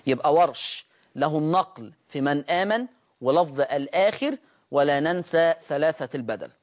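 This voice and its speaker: A man with an Egyptian Arabic accent teaching Quran recitation rules. He explains each rule and then slowly intones the example words. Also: fairly high pitch, animated. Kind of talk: recitation lesson.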